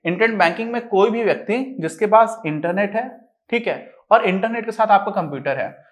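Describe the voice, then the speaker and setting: Man, teacher, high-pitched voice, chatty, asks and answers his own questions. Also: animated, moderate pace. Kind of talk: casual classroom explanation.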